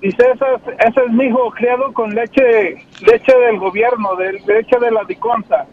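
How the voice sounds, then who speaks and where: Calling into a radio show to joke around, a man speaks through a voice-changing phone filter that makes him very high-pitched, steady in tone and unhurried. He rambles through his story and repeats words. The dull phone line carries faint noise.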